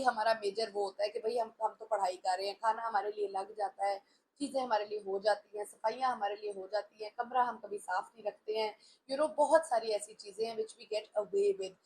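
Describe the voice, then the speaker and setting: A woman's voice: medium pitch, darkish tone, a little hiss or hum, low-quality recording. A woman in her forties talking candidly about her own life, mixing English phrases into her Hindustani speech. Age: 40s. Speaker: talk show host. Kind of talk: personal reflective talk.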